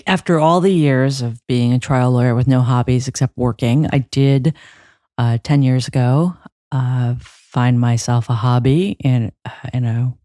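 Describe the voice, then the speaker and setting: A woman trial lawyer, appearing as a podcast guest, talks reflectively in a conversational interview, restarting often and using many fillers. Her voice is very deep and dark, captured dry on a close microphone.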